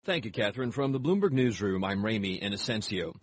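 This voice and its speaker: A man with a husky voice reading a scripted radio news bulletin as an anchor. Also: fairly low pitch, lively intonation, brisk, no room sound, faint music behind.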